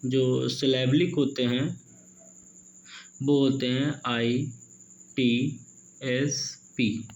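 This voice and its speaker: A man teaching an exam-prep literature lesson, mixing Hindi and English, reading questions out slowly and adding "okay" and "friends" often. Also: medium pitch, fairly even intonation, darkish tone, muffled recording, slight background noise. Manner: reads questions slowly, peppers with "ठीक है" and "दोस्तों".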